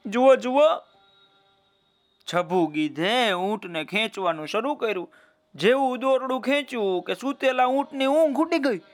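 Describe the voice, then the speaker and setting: A man telling a children's story in a folksy, drawn-out way, speaking to his listeners. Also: very high voice, animated, faint music behind.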